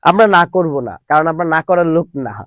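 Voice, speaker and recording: High-voiced playful online teacher, man. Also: fast talker, a bit bright, no room sound. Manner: playful, drills students with call-and-response questions. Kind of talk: live online class.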